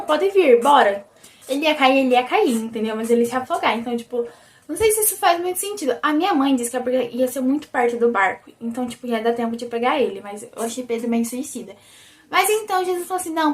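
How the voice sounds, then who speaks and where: Speaking with a Brazilian Portuguese accent, this young vlogger has a high, squeaky, nearly childlike voice. Her casual religious video chat is lively and talkative, and she keeps addressing her audience, frequently as "gente."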